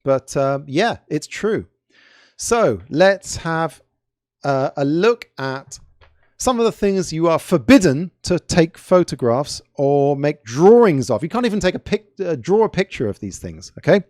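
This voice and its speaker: A man's voice: on the high side, sing-song, unhurried, darkish tone, no room sound, clean studio sound. A man hosting a camera show, talking casually and wandering into chuckling asides as he reads through a list. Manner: chatty, digressive, chuckling asides. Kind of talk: casual chat.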